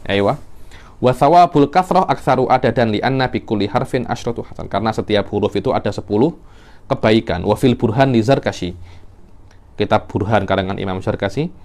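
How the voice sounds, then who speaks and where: Man, religious teacher, animated classroom lecture with sudden pitch jumps. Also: a little fast. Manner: animated, acts out verse intonation with sudden pitch leaps. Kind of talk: classroom lecture on Quran recitation.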